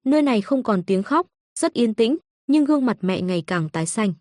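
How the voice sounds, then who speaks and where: A woman reads an audio novel in a steady, even storytelling voice. Her pitch sits a little high. The recording is dry and close, with no room sound. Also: a little fast, no room sound. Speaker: narrator. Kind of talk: scripted audiobook narration.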